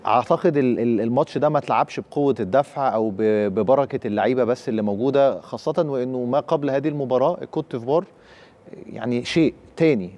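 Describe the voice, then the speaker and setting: Brisk Egyptian TV sports host man. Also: medium pitch, darkish tone. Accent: Egyptian Arabic. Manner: drawn-out filler pauses between phrases. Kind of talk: TV sports talk show.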